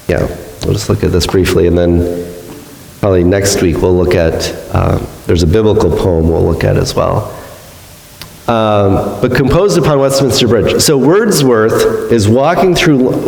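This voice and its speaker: A man teaches a poetry lesson in a classroom, talking slowly and pausing often to gather his thoughts. His voice sits fairly low, and the room rings with a long, hollow echo. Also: vocal fry, a little mellow. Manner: slow, thoughtful, with frequent pauses and fillers. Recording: echoey room with long reverb.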